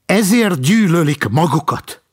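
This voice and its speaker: A whiny, wheedling driver who pleads and plays innocent, his voice pushed up high and bouncing all over, as a man puts him on. He talks in an eager, lively whine. It sounds like a storybook reading. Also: husky. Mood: indignant. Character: whiny, wheedling man caught by a traffic cop.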